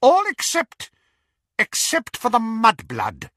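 A man's voice: huge pitch swings, takes it slowly, pushed and bright, no echo, clean studio sound, exaggerated voice. A man voicing a cruel, unhinged woman who shrieks and barks orders. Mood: shrieking, commanding. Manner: shrill, screaming, commanding.

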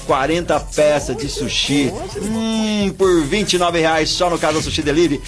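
A man's voice: a little high, unhurried. A man with a Brazilian accent presenting on live radio in a promotional hard-sell manner, pushing offers and repeating numbers. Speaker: sports radio show co-host. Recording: radio broadcast over music bed. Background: music.

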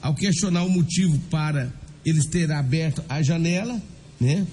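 With a warm, breathy, high-leaning voice at normal speed, the Brazilian radio host reads crime news and live ads colloquially, speaking straight to listeners while background music plays.

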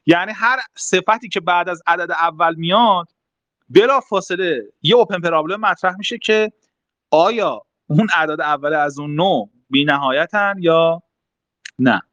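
Young man, slightly high voice, dry close sound; casual step-by-step explainer with fillers. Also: fairly bright tone, no echo, muffled recording. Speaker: math talk host.

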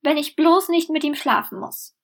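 A woman voicing a sixteen-year-old captive princess, plaintive and sharp, in a storybook reading. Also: high-pitched, normal speed. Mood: scheming.

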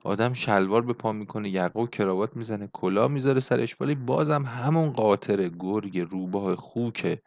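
A man voicing an older male Greek laborer in an audiobook, blunt and fiery, with a gruff, scornful manner. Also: lowish voice, few pauses, a little mellow, no echo, highs cut off, natural voice. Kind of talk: audiobook character reading.

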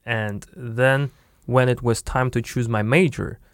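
A man's voice: medium pitch, steady tone, unhurried, no room sound, clean studio sound. A young man from Siberia with a Russian accent, speaking hesitantly and searching for words in casual conversation.

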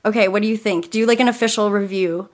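A woman's voice: medium pitch, steady tone, quick pace. Upbeat chatty young woman. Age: young adult. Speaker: musician guest. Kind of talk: casual chat.

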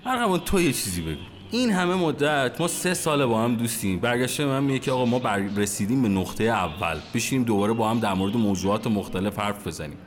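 A man's voice: medium pitch, hardly any pauses, slight background noise, lightly acted. An actor playing a suspicious, jealous young man in a radio play. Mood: anxious. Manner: animated, mimicking others' words. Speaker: young man at a cafe with friends.

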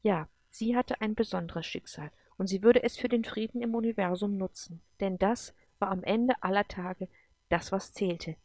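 Woman audiobook narrator, steady delivery, mid pitch, very dry close mic. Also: normal speed, dry recording. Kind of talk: audiobook reading.

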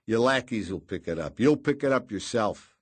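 A man's voice: fairly low pitch, animated, normal speed, breathy edge, no echo, voice pushed up. A man reading an audiobook, voicing an angry cornered male stalker who spits insults. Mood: furious. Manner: shouting, spitting insults. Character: furious cornered male stalker, foul-mouthed.

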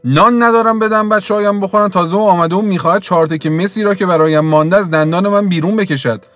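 A man's voice: sits high, a bit bright, dry recording, faint music behind, voice pushed up. Shrieking furious village mother, voiced by a man. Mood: furious defiance. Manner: screaming, defiant, raw. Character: fierce poor village mother, woman, shrieking.

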